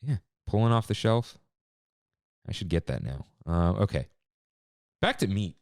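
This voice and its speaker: Lively man co-hosting a chat podcast. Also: fairly low pitch, a little slow, no room sound, clean studio sound. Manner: animated, laughs often, acts out quotes. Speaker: podcast co-host. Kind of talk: casual chat.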